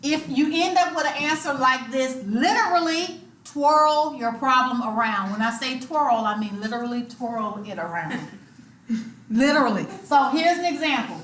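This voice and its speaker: A woman's voice: high-pitched, lively intonation, moderate pace, a bit bright. A woman lecturing a college math class, talking in a colloquial, emphatic way and repeating her key points. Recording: echoey classroom, faint room noise.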